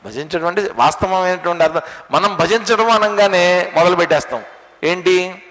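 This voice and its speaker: A spiritual teacher giving a religious discourse, telling stories and asking rhetorical questions. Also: male voice, high voice, normal speed, a bit bright. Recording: long hall reverb.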